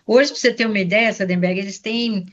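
A woman's voice: mid-range voice, steady tone, a little fast, dull audio. A woman columnist talking casually on a radio news show, with many fillers. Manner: conversational, lots of fillers.

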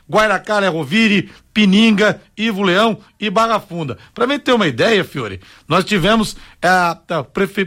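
A man from co-hosting a radio talk show, ranting about slow public works and joking with his partner. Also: high-pitched, fairly bright tone. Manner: indignant, joking, reads listener messages. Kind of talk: casual radio talk and commentary.

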